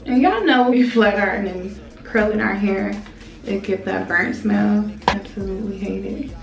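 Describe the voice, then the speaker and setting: A vlogger in her late twenties, a little sick, chats to a small tripod-mounted camera while doing her hair, drawling and calling her viewers y'all. Her mid-range voice is gravelly and moves at a normal speed. The distant mic catches a roomy echo, with music behind her.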